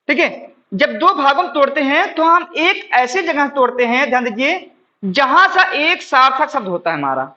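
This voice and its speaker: A lively, expressive grammar teacher on a lo-fi recording. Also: male voice, very high voice. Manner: asks questions then answers them himself, keeps saying "ठीक है"; addresses viewers as friends, explains step by step. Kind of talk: exam-prep classroom lesson.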